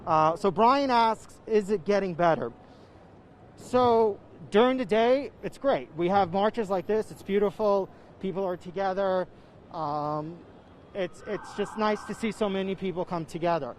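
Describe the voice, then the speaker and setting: A man reporting live from the street, conversationally and haltingly answering viewer questions, slightly muffled by a face mask and breathing heavily. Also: high-pitched. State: breathing heavily in warm, humid air. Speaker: field news reporter. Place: outdoors on a city street during a march. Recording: outdoor street noise with traffic.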